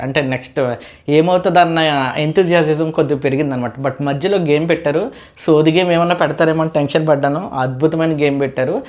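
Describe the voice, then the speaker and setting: A man giving a casual, opinionated episode review as a show reviewer, chatty and mixing in English phrases. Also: a little high.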